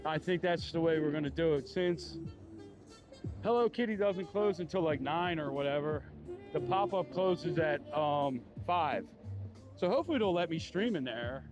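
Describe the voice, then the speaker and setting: A man's voice: a little high, lively intonation, moderate pace, lo-fi sound, over music. A man with a Philadelphia accent, chatting casually on a live stream as he walks a city street, rambling and full of fillers like "you know". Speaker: live-streaming walking vlogger. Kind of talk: casual live-stream chat while walking. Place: outdoors on a busy city street.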